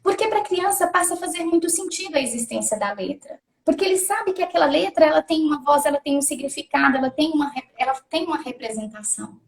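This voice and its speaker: A woman's voice: high-pitched, animated, quick pace, creaky, few pauses. A woman educator explaining reading methods in a thoughtful conversational way, often restarting and repeating words. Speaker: literacy educator.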